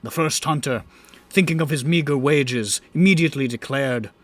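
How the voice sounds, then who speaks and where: A man's voice: a little high, normal speed, fairly bright tone, dry recording, pitched above the performer's own voice, natural voice. A man voicing a bard who recites an old fantasy tale in a grand, rhythmic, theatrical storytelling manner. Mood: grand, solemn. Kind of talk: scripted fantasy tale narration.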